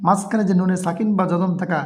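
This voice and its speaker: A man teaching Quran reading step by step, spelling out each letter and vowel and then reciting slowly. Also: high-pitched, steady tone, a little hiss or hum.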